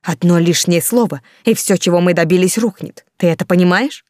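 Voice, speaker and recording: A woman's voice: on the low side, fairly quick, a little mellow, no echo, studio quality, natural voice. A woman reading the part of a domineering, scheming older countess who hisses her commands. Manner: hissing, commanding.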